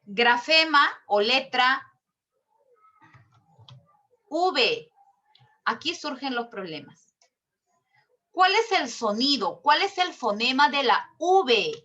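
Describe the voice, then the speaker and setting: Casting: woman teacher, slow and patient, bright, fairly high voice. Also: sing-song, highs cut off. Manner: patient, explains step by step with checking questions; slow and drawn out. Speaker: language teacher. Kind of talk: online class lesson.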